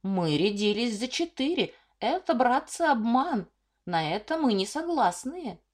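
Woman doing a gruff red-haired little peasant. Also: fairly high pitch, very animated, measured pace, a little mellow. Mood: indignant. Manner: gruff, defiant. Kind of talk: storybook reading.

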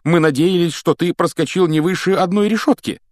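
A man's voice: sits high, fairly quick, dry recording, studio quality, voice pushed up, lightly acted. A male narrator voicing an eager, cheerful balding wizard father who bursts out with enthusiasm. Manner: excitable, enthusiastic outbursts. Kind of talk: audiobook character voice.

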